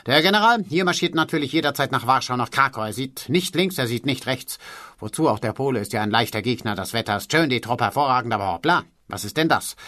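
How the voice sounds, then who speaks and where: A man's voice: mid-range voice, a bit bright, dry recording, clean studio sound, natural voice. A man voicing an arrogant older man who lectures sarcastically, stretching his emphatic phrases. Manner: mocking, drawn-out emphatic phrases.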